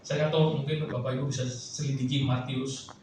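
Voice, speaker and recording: A man's voice: medium pitch, little pitch movement, brisk, noisy background. A male pastor preaching a casual, chatty sermon, joking and acting out prayers for the congregation. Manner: chatty, jokes and acts out prayers. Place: church hall. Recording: echoey church hall, mic far off.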